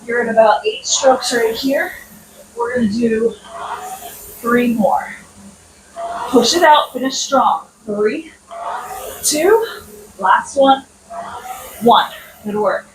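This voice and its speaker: High-voiced American woman coaching on rowing machine. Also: slow, long pauses. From United States. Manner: instructing while exercising on a rowing machine; encouraging, with short punchy commands. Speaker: rowing workout instructor. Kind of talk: coaching a workout with counted cues. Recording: echoey room, distant mic, noisy background.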